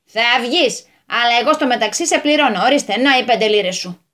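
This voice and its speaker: A woman's voice: on the high side, expressive, a bit bright. A woman voicing a hot-tempered, bossy male landowner who talks in a flustered rush in a radio story. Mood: fretful bossy.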